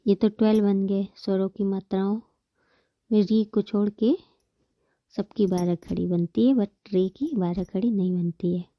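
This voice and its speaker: A woman's voice: medium pitch, steady tone, a little slow, dry recording, muffled recording. A woman teaching a Hindi grammar lesson, patiently explaining terms, repeating them and counting examples aloud.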